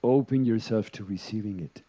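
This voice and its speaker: A man teaching a yoga lecture to a live audience, telling stories in a deliberate, gentle way with chuckles. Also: fairly low pitch. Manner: animated storytelling, chuckles.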